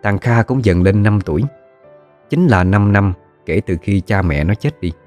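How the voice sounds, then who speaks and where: A man narrating a ghost story in a steady, measured storytelling manner. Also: lowish voice, faint music behind.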